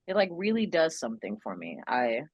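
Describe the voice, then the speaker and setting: Low-voiced playful woman guest. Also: sing-song, brisk, slightly rough, no echo, dull audio. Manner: playful, rambling, laughs often. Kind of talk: casual podcast chat.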